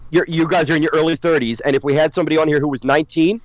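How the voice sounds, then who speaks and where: A man in his forties, a guest film critic chatting on a podcast in an animated, opinionated way. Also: a little high, racing, no echo, lo-fi sound. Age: 40s. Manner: opinionated, animated, acts out quotes in silly voices. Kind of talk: casual podcast chat.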